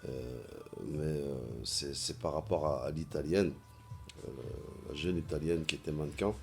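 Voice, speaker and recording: A man vlogging in a casual monologue, halting often with fillers and repeating words as he searches for them. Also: very deep voice, steady tone, faint music behind.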